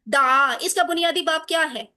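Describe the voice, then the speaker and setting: A woman's voice: extremely high pitch, sharp tone. A woman teaching an online class, encouraging her students and often asking them questions. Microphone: video call.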